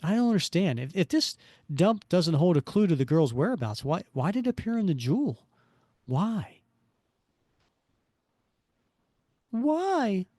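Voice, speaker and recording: A man's voice: high-pitched, sing-song, normal speed, darkish tone, no echo, clean studio sound, pitched above the performer's own voice. A man voicing a confident, wisecracking superhero who talks to himself in a comic-book story. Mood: dejected. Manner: wisecracking, self-talking.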